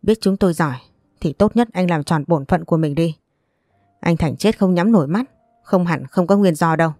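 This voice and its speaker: A woman voicing a sharp-tongued but protective middle-aged aunt in an audio story. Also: on the low side, normal speed, dry recording, clean studio sound, close to an everyday voice. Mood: scolding. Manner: scolding, firm.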